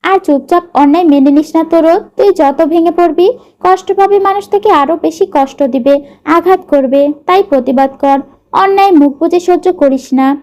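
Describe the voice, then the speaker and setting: A woman's voice: very high voice, normal speed, darkish tone. Woman reading as a spirited, protective young woman. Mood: comforting. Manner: scolding yet caring.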